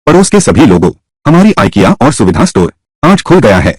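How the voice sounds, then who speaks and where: A man voicing a clever young woman shopkeeper pitching her store to the neighbours in a dubbed drama. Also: sing-song, fairly quick, slightly rough, no echo. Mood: confident.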